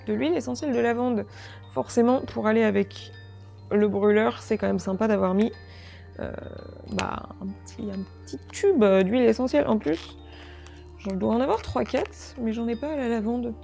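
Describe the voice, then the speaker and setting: Woman unboxing vlogger: casual, easily thrilled, fry in the voice. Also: fairly high pitch, mellow. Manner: chatty, easily delighted, gushing over small items.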